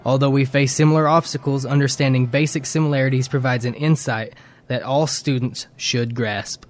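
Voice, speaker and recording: A man reads a scripted news-feature narration in a measured, formal way. His voice is an everyday mid-pitched male voice, delivered steadily and clearly. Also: steady tone, soft background music. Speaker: narrator and interviewer.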